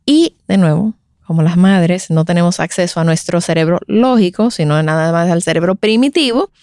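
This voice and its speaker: A woman in her forties telling a personal story in a conversational interview, animated and acting out the voices of others. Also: lowish voice, normal speed, dry recording, studio quality. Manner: animated, acts out quoted voices. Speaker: guest speaker on breastfeeding.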